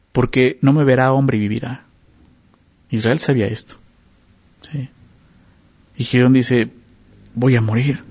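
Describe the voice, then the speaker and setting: A man preaches in an easy, conversational way, keeping his listeners with him through frequent little questions. His voice is gravelly and dark, and the recording sounds dull and lo-fi. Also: mid-range voice. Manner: repeats words while searching for phrasing. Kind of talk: sermon.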